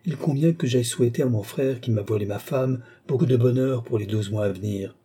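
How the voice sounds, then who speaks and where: A man voicing a bitter, vengeful middle-aged man who comes back in disguise and speaks with dark, sneering intent. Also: mid-range voice, brisk, husky, close to an everyday voice. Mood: somber.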